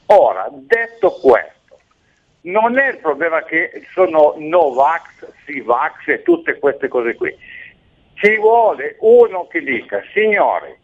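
A man calls in to a radio show, agitated, rambling and insistent, his voice riding fairly high with a lively, swinging pitch. He comes through a thin, tinny phone line. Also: slow. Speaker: radio caller.

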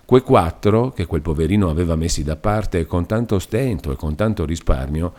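A man's voice: low-pitched, expressive, normal speed, darkish tone. A man voicing a talkative, practical older village mother, speaking in a chatty, persuasive and emphatic way. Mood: eager.

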